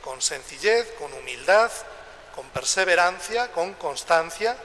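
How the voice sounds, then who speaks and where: A man speaks as a priest at Mass, his forceful, bright voice ringing through long cathedral echo. He delivers scripture and homily slowly, in short measured phrases, with some noise behind him. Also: high-pitched, animated. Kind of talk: liturgical Gospel reading and homily. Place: large reverberant church, public address during Mass. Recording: echoing church with long reverb, background noise.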